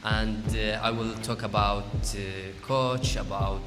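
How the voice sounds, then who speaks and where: Man, 20s, course facilitator, halting, lowish, music behind. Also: steady tone, in a large hall. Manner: halting, filler-heavy talk.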